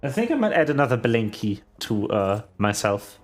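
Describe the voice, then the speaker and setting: A woman streaming a video game from home, chatting casually with relaxed, wry asides to herself. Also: extremely low pitch, moderate pace, faint music behind. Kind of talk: casual livestream gameplay chat.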